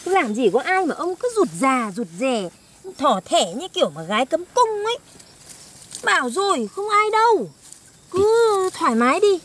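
A young woman, acting in a comedy sketch with a sharp-tongued, mocking manner. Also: extremely high pitch, very animated, moderate pace. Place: outdoors in a field.

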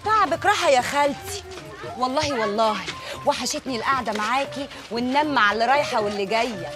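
A woman with an Egyptian accent, sweet-talking and flattering an older neighbor. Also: high voice, quick pace, over loud music. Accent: Egyptian Arabic.

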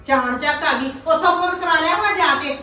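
A woman's voice: sits high, fairly quick, pushed and bright. A woman playing a scheming, aggrieved middle-aged mother in a family skit, complaining and lamenting dramatically like a Punjabi aunty, with a Punjabi accent. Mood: indignant, aggrieved. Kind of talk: amateur family skit acting. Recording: very echoey room, distant microphone.

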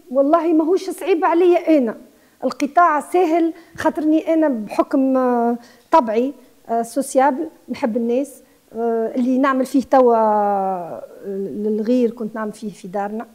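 A woman's voice: a little high, a little fast, darkish tone. A Tunisian woman in her sixties who runs a guesthouse, speaking with passion as a TV interview guest and mixing in French words. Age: 60s. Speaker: guesthouse owner.

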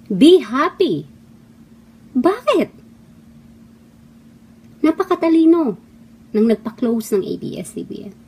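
Husky woman scolding heatedly. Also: mid-range voice, warm tone. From Philippines. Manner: heated, scolding, rhetorical questions, mocking. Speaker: former actress giving opinions. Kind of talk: impassioned monologue. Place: abroad, away from the Philippines.

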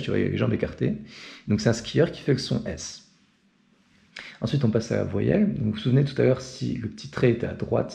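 A young language teacher explains an alphabet in a casual, chatty tutorial, frequently checking in with the viewer. His voice is medium-pitched, creaky and mellow.

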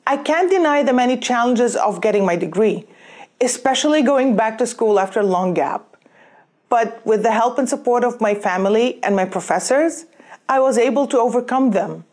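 A woman with a fairly high voice delivers a prepared graduation speech. She speaks earnestly and at a measured pace, recorded facing the camera indoors. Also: animated, darkish tone. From Syria. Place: plain indoor backdrop, in cap and gown.

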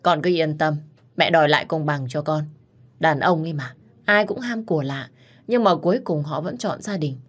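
A woman voicing a spiteful, scheming middle-aged mother-in-law who shouts insults. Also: deep voice, moderate pace. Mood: coaxing.

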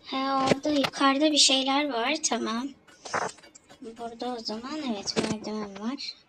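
A woman's voice: high-pitched, fairly even intonation, moderate pace, heavy background noise. A woman doing casual let's-play commentary, talking to herself and the game with jumpy exclamations. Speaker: gamer.

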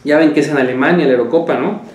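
A man's voice: a little high, very fast, darkish tone, reverberant. A man, a health show host who talks casually and tells jokes while giving home remedies. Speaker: naturopathic doctor host.

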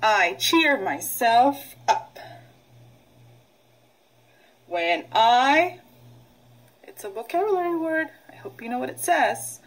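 A preschool teacher reads aloud to young children and drills vocabulary using short, simple instructions separated by pauses. Her voice is on the high side and animated, and the recording is rough.

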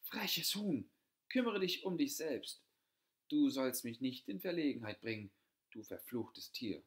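A man voicing a rich, haughty elder sister who shouts sharply and with contempt. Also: mid-range voice, animated, a little slow, pitched above the performer's own voice, natural voice. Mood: furious.

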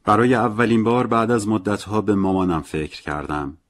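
A man reading a novel as a first-person audiobook narrator, in a calm, measured and reflective way. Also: on the low side.

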